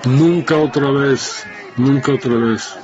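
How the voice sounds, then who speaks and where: A man giving a spoken testimony in a halting, hesitant way, breaking off and restarting his sentences. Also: mid-range voice, over music. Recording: dull lo-fi sound.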